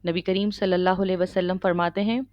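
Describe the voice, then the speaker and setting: A woman giving a religious lecture, teaching in a measured way and checking in with her listeners. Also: fairly low pitch, level tone, no echo, lo-fi sound. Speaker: Islamic lecturer.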